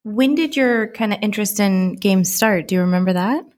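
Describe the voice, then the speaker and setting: A woman's voice: mid-range voice, lively intonation, normal speed, a little mellow. A woman hosting a podcast, chatting and asking questions in an upbeat, informal way. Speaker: podcast host. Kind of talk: casual chat and interviewing.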